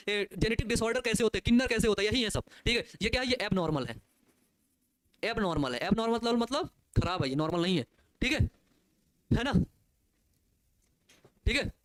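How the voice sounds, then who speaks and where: A man teaching an online biology class, talking fast and chattily. His voice sits high for a man, and the close, dry sound carries no room echo. He keeps tossing in quick "okay" and "you get it?" checks while calling the students dear children. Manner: rapid, repetitive, keeps saying "okay" and "isn't it", addresses students fondly.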